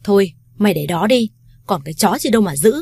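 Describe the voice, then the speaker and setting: A woman voicing Ly, a brash, foul-mouthed young woman who bosses her friend around loudly. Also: medium pitch, lively intonation, quick pace, breathy edge, no echo, studio quality. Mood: angry. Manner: loud, bossy, swears freely.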